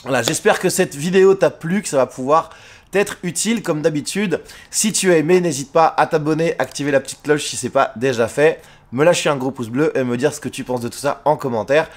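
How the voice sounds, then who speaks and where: A man's voice: fairly high pitch, fairly quick. A man talking straight to camera in a casual video tutorial, chatty and informal with many fillers and restarts. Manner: addresses the viewer informally. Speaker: YouTuber giving tips. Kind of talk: casual face-cam tutorial. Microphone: face cam.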